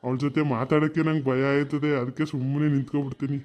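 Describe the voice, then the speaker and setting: A man voicing a timid, lovesick young male bus conductor who speaks softly and sheepishly, with a Mysore Kannada accent. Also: medium pitch, level tone, fast talker, lo-fi sound, pitched below the performer's own voice, close to an everyday voice.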